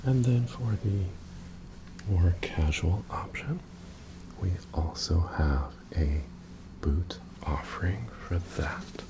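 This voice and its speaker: A man in an ASMR role-play as an attentive, courteous tailor, breathy and softly presenting his wares to a customer. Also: low-pitched, expressive, takes it slowly, noisy background. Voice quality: breathy, mostly soft-spoken.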